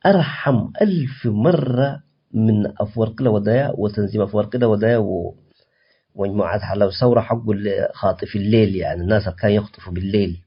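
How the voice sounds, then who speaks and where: A political activist with a low, husky male voice answers as a guest in a radio interview, arguing his case and growing more heated. He is impassioned but halting, often breaking off to restart phrases and filling gaps with hesitations. The audio is dull and lo-fi, like a muffled broadcast.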